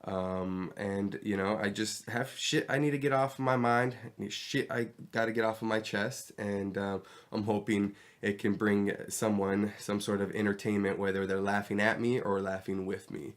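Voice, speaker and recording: A man hosts his first podcast from home, a casual solo monologue recorded in his bedroom on an inexpensive mic plugged into a laptop. He talks candidly and rambles with lots of ums, his voice stuffy and nasal from a cold. His pitch is fairly low, his tone steady, and he speaks at a moderate pace with few pauses.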